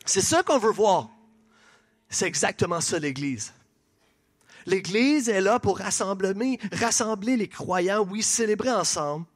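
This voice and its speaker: A man preaching a sermon in a church with a Québécois French accent, animated and conversational, asking the congregation questions. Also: high-pitched, unhurried, breathy edge. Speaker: pastor.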